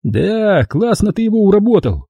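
A man's voice: high-pitched, normal speed, breathy edge, no room sound, lo-fi sound, pitched above the performer's own voice, exaggerated voice. A man voicing a fawning, snickering lanky thug. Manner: flattering, snickering, joking.

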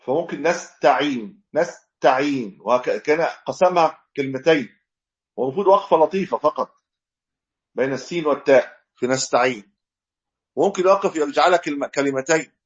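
A man's voice: on the high side, animated, brisk, long pauses, dull audio. A man teaching a religious lesson as a sheikh, explaining step by step and demonstrating correct recitation. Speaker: sheikh teaching a fiqh text.

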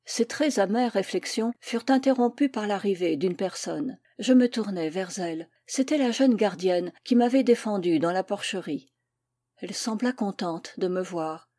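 A woman calmly reading a first-person novel aloud in a measured way. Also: mid-range voice, no room sound. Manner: calm, measured. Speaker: audiobook reader.

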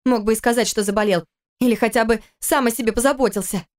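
A sharp-tongued wife and mother, sarcastic and scolding, her voice pitched up and pushed louder, as a woman narrator plays her. She sounds urgent and bossy in a storybook reading. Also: steady tone, fast, close to an everyday voice.

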